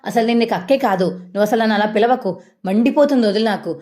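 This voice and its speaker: A woman voicing a caring but fiery young wife in a retold TV serial, quick to scold. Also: fairly high pitch, warm tone, natural voice. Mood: furious.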